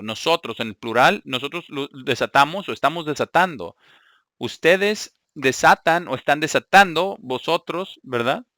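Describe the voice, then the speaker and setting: A man preaching a teaching sermon, halting and repeating words, often checking in with his listeners. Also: medium pitch, sharp tone, no echo, studio quality. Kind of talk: sermon teaching Greek grammar.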